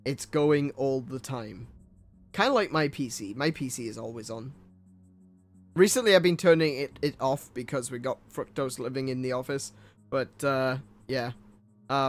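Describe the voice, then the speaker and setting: A young gaming streamer with a mid-range voice reads old computer ads aloud and adds his own commentary. He trips over words and laughs at himself.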